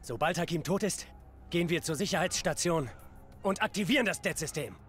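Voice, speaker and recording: Fierce high-voiced rebel leader. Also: male voice, animated, a little fast, faint music behind. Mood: grave, commanding. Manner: solemn, rousing oratory. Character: fierce, commanding male rebel leader rousing his fighters. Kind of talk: dramatic video game voice acting. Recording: loud battle noise and crowd behind.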